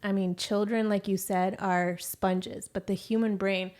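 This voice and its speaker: A woman's voice: medium pitch, little pitch movement, unhurried, darkish tone. A woman hosting a casual interview, supportive and reflective, summing up what her guest says. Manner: supportive, reflective, repeats and sums up. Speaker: podcast host.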